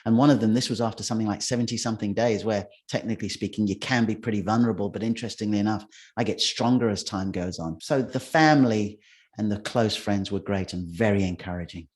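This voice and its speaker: A man's voice: fairly low pitch, quick pace. A middle-aged man, a guest in a casual interview, telling rambling anecdotes with restarts and acting out quotes. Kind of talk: casual storytelling conversation.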